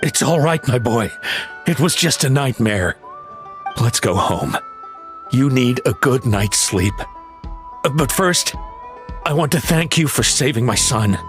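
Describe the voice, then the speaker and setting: A man voicing a caring older father of a warrior in a game cutscene, earnest, gentle and courteous. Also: medium pitch, expressive, measured pace, pauses often, faint music behind, close to an everyday voice. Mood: relieved, grateful. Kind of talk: dramatic video game cutscene dialogue.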